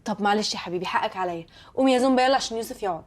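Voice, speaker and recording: An actress playing a young wife with an Egyptian accent, soothing and placating in a comedy series. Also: female voice, medium pitch, very fast, natural voice. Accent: Egyptian Arabic. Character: young wife, anxious and eager to please.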